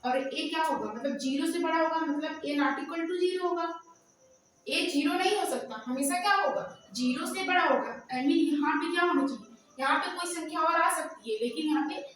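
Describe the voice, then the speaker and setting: A woman teaching a math lesson who keeps asking questions and answering them herself, drawing out formulas slowly as she dictates them. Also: sits high, slight background noise. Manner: slow, drawn-out dictation of formulas. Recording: very echoey room, voice from far off.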